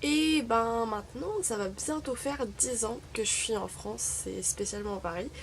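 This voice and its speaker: A young Moroccan vlogger, Arabic-speaking by birth, uses a fairly high voice with vocal fry at normal speed. She chats wryly to camera, hesitating often.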